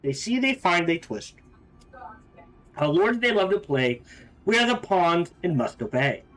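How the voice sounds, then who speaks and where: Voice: medium pitch, very animated, unhurried, fairly bright tone, faint music behind, low-quality recording. Someone putting on a chattering, anxious little fairy guide. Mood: anxious urgency.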